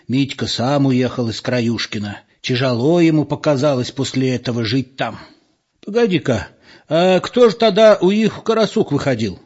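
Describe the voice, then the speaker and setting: Tipsy old villagers, as a male reader puts them on, squabbling and reminiscing in raised voices. The voice is husky and the lo-fi recording is dull. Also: on the high side, pitched above the performer's own voice. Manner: lively, argumentative, reminiscing. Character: tipsy old villagers arguing over memories.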